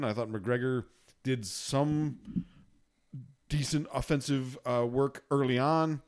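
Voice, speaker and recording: A man of middle pitch co-hosts a laid-back talk show. He rambles along with plenty of ums and uhs and keeps the chat loose. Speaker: podcast co-host. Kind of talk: casual chat.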